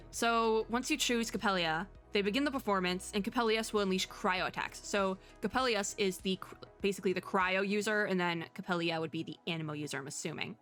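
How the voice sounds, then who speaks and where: This is a young female streamer musing aloud about game previews in a relaxed, slang-heavy, meandering way. Her mid-range voice has a fairly bright tone, and music plays underneath.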